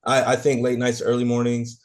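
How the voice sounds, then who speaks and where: A man's voice: medium pitch, monotone, a little fast. A man co-hosting a casual podcast chat, talking enthusiastically and gushing about what he loves. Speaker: podcast co-host.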